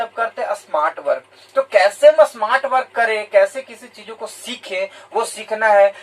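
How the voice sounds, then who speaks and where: A man's voice: extremely high pitch, a bit bright, recorded from a distance, low-quality recording. A man from India, a teacher giving a motivational talk to students, explaining points and repeating key words in two languages. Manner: explanatory, repeats key words in English and Hindi, addresses listeners directly.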